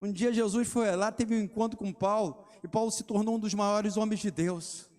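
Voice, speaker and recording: A man's voice: high voice, fairly even intonation, moderate pace, darkish tone. A middle-aged man, preaching a sermon and asking the congregation rhetorical questions between testimony stories. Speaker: pastor.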